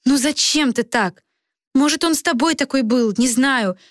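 A woman's voice: sits high, normal speed, no room sound, clean studio sound, voice pushed up, close to an everyday voice. A woman voicing a cheerful, lovestruck young woman student in an audiobook who chatters dreamily. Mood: earnest.

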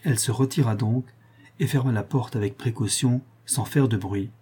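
A man narrating a classic novel in an even, measured reading style. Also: medium pitch, slightly rough. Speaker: audiobook reader. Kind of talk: scripted narration.

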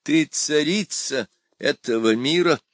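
A man voicing a flamboyant, lecherous male emperor with a high, loud, drawn-out delivery. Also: no echo, studio quality. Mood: leering.

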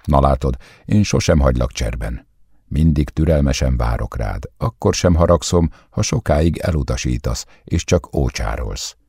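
A man doing a bottle of wine come to life, soft and intimate, coaxing and possessive, with a husky, dark grain in its voice that is lifted higher than the reader's own. It speaks in a close, dry storybook recording. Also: no echo, heavily acted.

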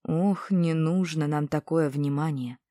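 Gruff, weary village headman, male, woman reader doing the voice low and quiet. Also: normal speed, no room sound, clean studio sound.

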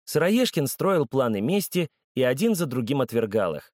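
A man narrating a children's story in an expressive, animated way. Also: medium pitch, moderate pace, no room sound, studio quality.

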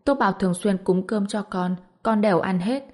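A woman's voice: mid-range voice, normal speed, a little mellow, close to an everyday voice. A woman narrator voicing a young woman's ghost who coaxes her mother sweetly in a storybook reading. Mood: gentle. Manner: sweet, coaxing.

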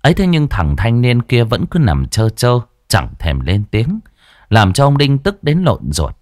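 A man narrating a ghost story in a dramatic, animated storytelling manner. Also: medium pitch, a little slow, no echo, clean studio sound.

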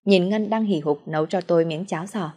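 Woman, storyteller, low pitch, measured reading. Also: warm tone. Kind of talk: scripted audio story narration.

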